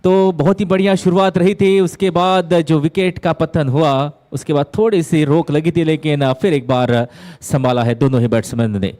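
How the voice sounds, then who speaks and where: Guy doing live cricket commentary, slightly high voice, measured phrases with pauses, lifts on big moments. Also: steady tone, a little mellow.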